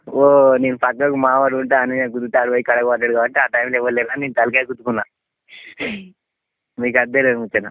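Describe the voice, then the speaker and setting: This caller's friend, a man with a Telangana Telugu accent, is the target of a prank call and responds casually yet bluntly, suspicious and full of questions. His mid-range voice stays level as he talks fast, leaving long pauses, and the phone line sounds tinny, dry and band-limited.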